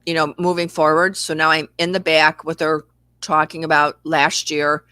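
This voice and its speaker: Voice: medium pitch, flat delivery, moderate pace, sharp tone, clean tone, dry recording, clean studio sound. A livestream host chatting candidly and at length with a caller and reading out viewer comments. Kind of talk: casual spiritual chat.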